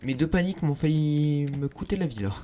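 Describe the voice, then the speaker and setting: A young gaming YouTuber speaks a little fast in a dark-toned voice on the high side, with slight background noise behind him. He gives casual let's play commentary on a survival game, talkative and mocking himself.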